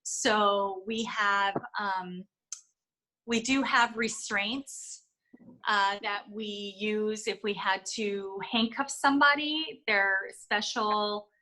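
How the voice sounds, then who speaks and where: A woman's voice: mid-range voice, steady tone, takes it slowly, sharp tone, rough recording. A woman giving interview answers as a flight attendant, explaining things in a chatty way with examples.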